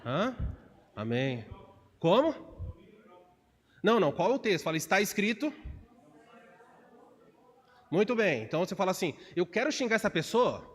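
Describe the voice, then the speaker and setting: A man with a Brazilian Portuguese accent preaches from the pulpit in a fairly high voice. He is animated and slips into different voices to act out quotes. A long church-hall reverb trails after every phrase. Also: normal speed, long pauses. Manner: animated, acts out quotes with shifts of voice. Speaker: pastor. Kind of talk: expository sermon. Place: church sanctuary.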